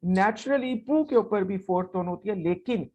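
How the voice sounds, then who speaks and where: A woman teaching a recorded language lesson, repeating example words slowly and often checking in with "right?". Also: medium pitch, a little mellow. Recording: slightly dull, lo-fi recording.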